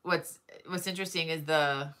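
Her voice is low-pitched and fairly bright, with fairly even intonation and a moderate pace. This middle-aged woman runs a crochet livestream indoors in a living room lined with bookshelves, chatting casually, greeting viewers by name, and filling her speech with fillers.

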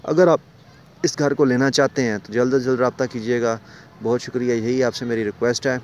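A man's voice: mid-range voice, fairly even intonation, a little fast, darkish tone, a little hiss or hum. A man with a Pakistani Urdu accent gives a walking tour of a rental house. He talks in a salesy way and keeps pointing things out to the viewer. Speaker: property dealer giving a house tour. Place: large empty house, indoors and on stairs. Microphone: phone camera held while walking.

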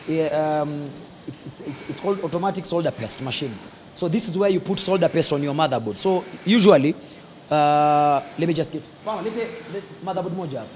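A man's voice: a little high, darkish tone, a little hiss or hum. A man in his forties with a Kenyan accent, showing visitors around an electronics factory and explaining the machines in a casual mix of Swahili and English. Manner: mixes Swahili and English, points and gestures while explaining. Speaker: factory guide. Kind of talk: casual guided tour explanation. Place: large indoor electronics factory floor. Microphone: handheld mic held by interviewer.

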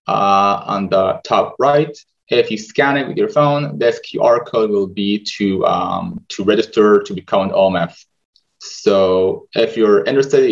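A man, hosting a webinar over a video call in a relaxed manner with many fillers. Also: on the low side. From Israel. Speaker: webinar host, medical student. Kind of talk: presenting a webinar over slides. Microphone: video call webcam. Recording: dull video-call audio.

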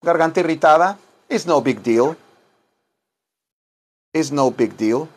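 In a small wood-paneled room, a middle-aged English teacher and self-styled chaplain holds a casual bilingual lesson in Spanish and English. His voice is a little high, animated and slow, and he repeats phrases, dictating them word by word.

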